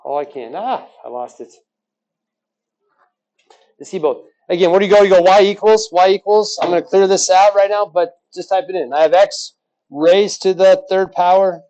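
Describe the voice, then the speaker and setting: Male math teacher, fairly high voice, mellow tone, teasing question-and-answer lesson style. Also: fairly even intonation, brisk, poor audio. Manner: quizzes the class with rhetorical questions, joking. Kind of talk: recorded classroom lesson.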